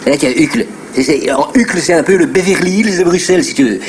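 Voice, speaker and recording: A man's voice: on the high side, soft background music. A Belgian man with a Brussels accent, teasingly explaining regional accents to a learner. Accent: Belgian French, Brussels. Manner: quick, teasing, demonstrative. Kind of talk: comic explainer.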